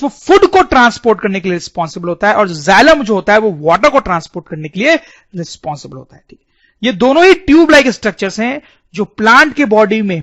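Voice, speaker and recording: Man, high voice, explains over diagrams, repeats key words; lo-fi dry recording. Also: a bit bright, no echo. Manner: repeats key terms, keeps addressing students. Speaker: teacher. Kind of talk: biology lesson over diagrams. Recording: dull, dry lo-fi sound.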